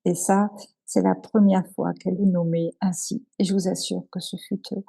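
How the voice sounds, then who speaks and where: Her voice low, creaky, husky, and dark, with a flat delivery, a woman shares a heartfelt, emotional testimony in an interview. She keeps stopping, pausing often and starting her sentences over.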